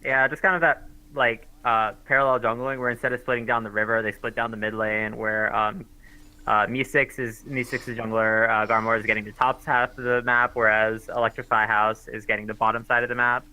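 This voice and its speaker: A man gives color commentary on a live esports match in a very bright, sharp voice. His delivery is casual and hesitant, full of fillers as he works through his thoughts. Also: mid-range voice, flat delivery, a little fast, clean tone, low-quality recording.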